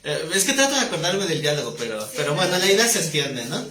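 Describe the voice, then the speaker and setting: Man, Mexican accent, Bible teacher, acts out voices, slightly high voice, faint background noise. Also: fast talker. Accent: Mexican Spanish. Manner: animated, acts out voices, jokes with the class. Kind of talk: live Bible class. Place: room with a live audience. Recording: echoey room, faint noise.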